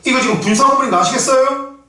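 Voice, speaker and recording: A middle-aged man with a Gyeongsang Korean accent teaching English exam prep, blunt and rough-spoken, firing rhetorical questions at his students. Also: very high-pitched, racing, sharp tone. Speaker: English tutor. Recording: echoey room, mic set at a distance.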